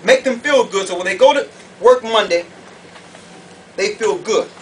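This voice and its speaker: A male preacher with a strikingly high voice gives a fiery, confrontational sermon at normal speed, pressing his audience with emphatic rhetorical questions. He speaks as a conference speaker in a hall or conference room, captured by a distant mic amid noisy room ambience.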